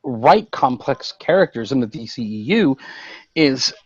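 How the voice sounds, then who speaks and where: Male podcast co-host, mid pitch, animated storyteller, dry and slightly muffled audio. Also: a little slow, husky, no room sound. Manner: animated storytelling, recounting plots in detail. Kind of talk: casual roundtable chat.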